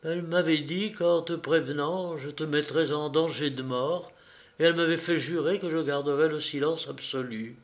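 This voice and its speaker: A man's voice: steady tone, moderate pace, lightly acted. A man reading aloud and voicing an old female nurse who pleads and sobs in a raised, quavering voice. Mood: tearful pleading. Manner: pleading, sobbing, higher-pitched. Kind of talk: audiobook reading.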